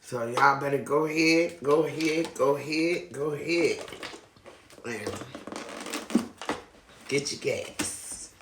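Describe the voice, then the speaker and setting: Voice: medium pitch, slow pace, long pauses, noisy background. A person chatting casually and effusively to viewers as a video host, often repeating phrases. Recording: echoey room.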